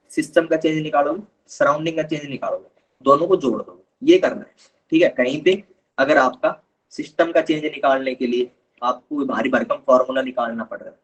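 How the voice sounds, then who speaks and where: A man's voice: medium pitch, a bit bright, breathy edge, rough recording. A man teaching a live online chemistry lesson, patiently explaining step by step and calling his students kids.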